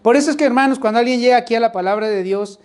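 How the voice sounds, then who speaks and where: Mexican preacher asking the flock questions. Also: male voice, extremely high pitch, racing, a little mellow, clean tone. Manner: addresses the congregation with rhetorical questions. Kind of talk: sermon.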